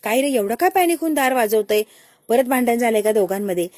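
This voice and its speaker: A woman voicing a relaxed young sister-in-law who speaks in an easygoing, soothing way. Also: a little high, quick pace, dry recording.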